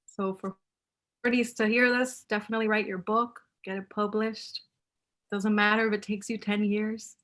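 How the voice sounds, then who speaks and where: Speaking at normal speed in a mid-range voice with little pitch movement and a fairly bright tone, this author answers audience questions during a casual live Q&A on a video call. She's from Puerto Rico, laughs often and mixes Spanish words into her speech.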